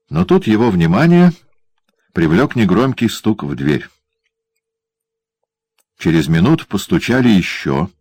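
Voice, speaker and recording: A man narrating a literary audiobook in a measured storytelling manner. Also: low voice, a little mellow, no room sound.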